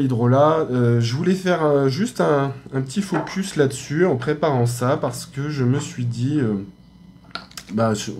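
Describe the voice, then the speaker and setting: A man's voice: medium pitch, a little mellow. A man with a French accent chats casually on a live stream from a hotel room, his voice in the middle range. He talks loosely with many fillers, restarts and small laughs at himself. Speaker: aromatherapy teacher.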